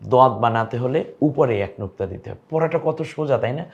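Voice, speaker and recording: A man's voice: mid-range voice, animated, moderate pace, dull audio. Patient man teaching a recorded lesson. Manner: patient, asks and answers his own questions. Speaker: Quran teacher.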